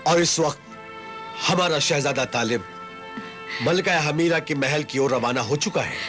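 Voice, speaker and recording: An actor playing a royal courtier who calmly reassures the princess. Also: male voice, a little high, moderate pace, soft background music, lightly acted. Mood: reassuring.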